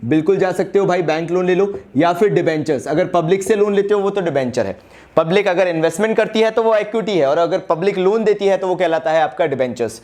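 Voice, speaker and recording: Brisk man teaching an exam revision lesson. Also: sits high, a little mellow. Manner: brisk, direct, coaxing students to write quickly; mixes English terms into casual speech, calls students brother. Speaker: commerce teacher. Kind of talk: fast exam-revision lecture.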